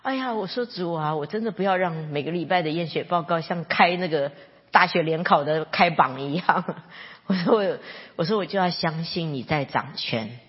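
Woman preaching, husky low-ish voice, earnest and emotional, dull lo-fi recording in a big echoey hall. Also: moderate pace. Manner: earnest, emotional, swings from soft to excited. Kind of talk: sermon. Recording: reverberant hall, dull lo-fi sound.

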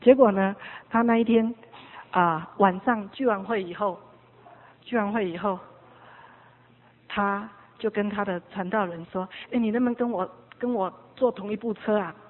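A woman preaching a sermon, swinging between loud exhortation and hushed tones, telling stories with quoted dialogue. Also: mid-range voice, normal speed. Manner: storytelling with quoted dialogue and small laughs. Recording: tinny phone-like sound.

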